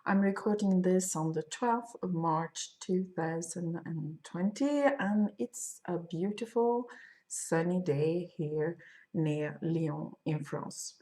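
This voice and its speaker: A Swedish crochet designer in her fifties chats casually on her video podcast from a home studio, filmed by a fixed camera at her desk. Her Swedish-accented voice is lowish and dark, and she speaks slowly and thoughtfully with frequent pauses and fillers.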